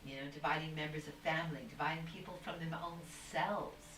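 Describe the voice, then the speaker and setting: Woman, low-pitched, rambling and spiritual, distant echoey mic, faint hiss. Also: steady tone, fast talker. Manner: rambling, spiritual, many restarts. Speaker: guest. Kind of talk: casual conversation.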